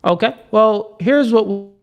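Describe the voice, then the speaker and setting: A male stream host speaks in a slightly higher voice over an online call mic. He is laid-back and casual, and he keeps calling people man. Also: unhurried, clear, resonant tone, lo-fi sound. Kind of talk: casual livestream chat.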